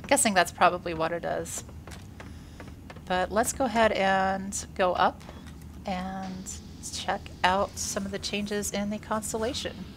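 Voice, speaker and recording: A woman's mid-range voice, somewhat slow and fairly even in intonation, offers breezy, upbeat remarks on the space game she's playing, with slight noise in the background. A recent workout and illness make her sound stuffed up and a bit wheezy. She's a chatty gaming video creator who says "uh" a lot.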